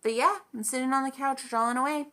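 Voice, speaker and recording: A woman's voice: high-pitched, fairly even intonation, fast, a bit bright. A woman vlogger telling a story in a casual, chatty way, full of "like" and acted-out quoted dialogue.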